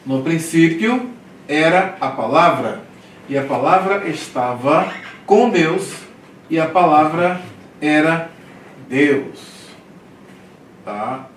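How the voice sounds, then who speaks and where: A man's voice: a little high, animated, slow pace, pauses often, a little hiss or hum. A man teaching a classroom Greek lesson, drilling words one by one and checking in with his students. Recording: echoey room, mic at a distance.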